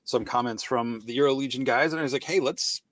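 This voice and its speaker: A man's voice: mid-range voice, brisk, fairly bright tone, dry recording. A man hosting a casual podcast over a call, rambling through friendly introductions. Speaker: podcast host.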